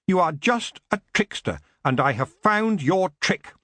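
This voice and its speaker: A steady, courteous young man who speaks formally and calmly, with plenty of movement in his pitch, as a man reads him. The sound is close and dry. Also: normal speed, slightly rough, dry recording, exaggerated voice. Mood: defiant. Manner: calm and formally polite.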